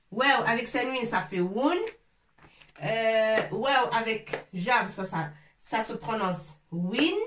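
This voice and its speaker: A woman teaching letters in French, slowly repeating each syllable for the learners. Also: medium pitch, a bit bright, distant mic. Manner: repeats sounds slowly and drills syllables one by one. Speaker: Arabic teacher. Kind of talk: slow, patient letter-by-letter pronunciation lesson. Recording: echoey room, voice a bit off-mic, faint noise.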